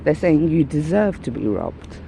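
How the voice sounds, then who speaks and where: Out walking the dogs, a breathless woman rambles candidly and wryly to her camera. She speaks at a normal pace in a deep, mellow, very animated voice; faint outdoor sounds sit behind a low-quality recording with slight hiss or hum.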